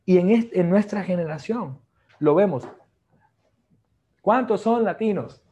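A man preaching a sermon, lively and joking with the congregation, mixing Spanish with English phrases. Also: high voice, a little slow, slightly rough, muffled recording.

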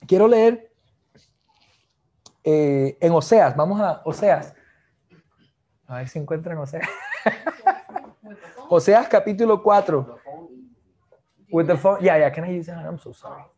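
A man's voice: fairly high pitch, animated, slow pace, pauses often, darkish tone. A man with a Puerto Rican accent, preaching a sermon over a video call in a chatty way, slipping between Spanish and English. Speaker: pastor.

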